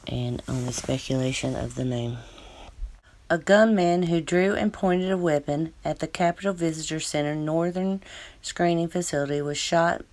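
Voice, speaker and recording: A woman reading news articles aloud and breaking off with skeptical, sardonic asides. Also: low voice. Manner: skeptical, sardonic asides between read passages. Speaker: commentator.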